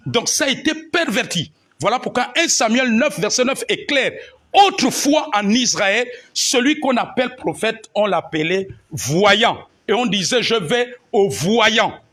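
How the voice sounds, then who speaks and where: High-voiced pastor preaching. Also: male voice, lively intonation, measured pace, a bit bright. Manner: emphatic, punctuated by amen and alleluia. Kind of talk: sermon teaching.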